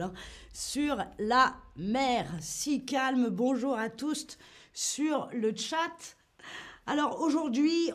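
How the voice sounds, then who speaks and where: A woman from Nice hosting a playful livestream lesson outdoors on the sea, chatting with viewers. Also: fairly high pitch. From Nice, France. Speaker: livestream host. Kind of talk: live-streamed lesson while paddleboarding.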